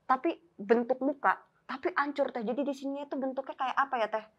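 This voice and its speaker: A woman's voice: high-pitched, quick pace, fairly bright tone, husky. A young woman, casually telling a story as a guest and often quoting herself and her friend. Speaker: guest telling a ghost experience. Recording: dull lo-fi recording.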